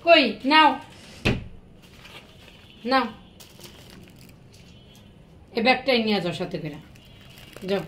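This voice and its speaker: A woman's voice: medium pitch, animated, quick pace, a bit bright, slight background noise. A woman acting as a wife in a family skit, with an exasperated, scolding way of talking.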